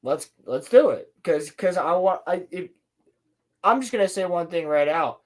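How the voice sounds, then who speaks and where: A man's voice: high voice, expressive. A man hosting a podcast, chatting casually and stumbling over repeated words. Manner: easygoing, halting, repeats words. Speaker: podcast host. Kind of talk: casual reaction chat.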